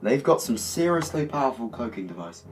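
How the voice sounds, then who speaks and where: Man playing the Doctor, animated, excitable eccentric. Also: mid-range voice, fairly quick, faint music behind, natural voice. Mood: exasperated. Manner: excitable, theatrical, whimsical. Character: frantic, eccentric male time-travelling alien hero. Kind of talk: audio drama acting.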